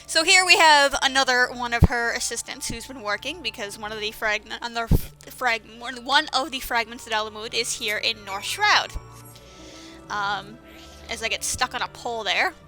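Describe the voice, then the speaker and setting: A woman's voice: on the high side, moderate pace, bright, forceful tone, faint music behind. A woman giving casual, rambling commentary over a game playthrough, with many fillers and restarts. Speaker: let's-play commentator.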